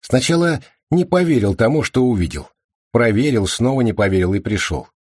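A man's voice: mid-range voice, lively intonation, normal speed, a little mellow, slightly rough, no echo, clean studio sound, pitched above the performer's own voice. A man voicing a sly, evasive young male hacker in an audiobook, with a smug, teasing manner. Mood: incredulous. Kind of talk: audiobook character voice.

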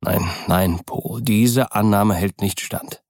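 A man voicing a sober, measured male lawyer who speaks low and calm. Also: no room sound, studio quality. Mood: grave. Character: grave, composed male lawyer.

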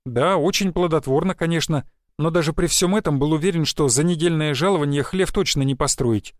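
A man narrating a first-person fantasy audiobook in an even, wry, matter-of-fact way. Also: on the high side, fairly quick, dry recording, studio quality.

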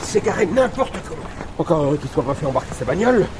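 A man's voice: a little high, big pitch swings, quick pace, heavy background noise. An actor playing a curt, commanding male police inspector.

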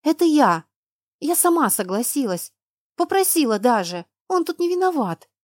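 A woman's voice: medium pitch, animated, moderate pace, a little mellow, no echo, clean studio sound, natural voice. A woman reading a storybook voicing a young werewolf woman who is pregnant, stubborn and tearful, with pleading and sulky outbursts. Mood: upset.

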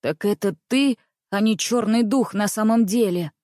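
A woman's voice: mid-range voice, moderate pace, darkish tone, no echo, studio quality, lightly acted. Woman voicing a bossy scheming older brother. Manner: commanding, plotting. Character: scheming bossy eldest brother, young man.

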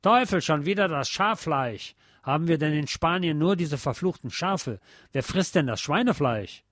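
A man's voice: on the high side, lively intonation, brisk, dry recording, studio quality, voice pushed up. Man doing a timid, stammering little grumbler. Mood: grumbling. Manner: grumbling, then stammering and trembling. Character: small shrunken ferret-faced man, timid complainer.

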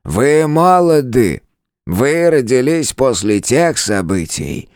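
An ancient turtle elder, grim and stubborn, rises to a high, strained pitch well above the reader's own low voice, as a male narrator puts him on. He stretches his words out and leans hard into them. The recording is close and dry. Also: big pitch swings, clean tone, no echo. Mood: impassioned. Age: older. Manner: impassioned, loud, drawn-out.

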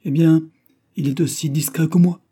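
A man voicing a lively, mocking young lady-in-waiting in an audiobook reading of a classic novel. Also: on the high side, moderate pace, breathy edge, pitched above the performer's own voice. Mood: playful. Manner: mocking, playful.

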